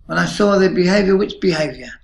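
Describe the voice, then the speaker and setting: A man in his late fifties, recounting a troubling experience in a halting interview answer with many restarts. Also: sits high, gravelly, low-quality recording. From United Kingdom. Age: 50s. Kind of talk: emotional personal account.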